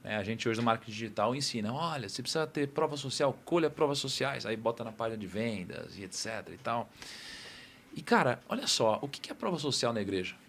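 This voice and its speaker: A man with an average-pitched voice talks through an idea on a studio podcast. He explains carefully and reflectively, often checking in with a quick tag question. The setting is a casual conversation. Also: expressive, vocal fry, fairly bright tone, a little hiss or hum. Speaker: podcast guest.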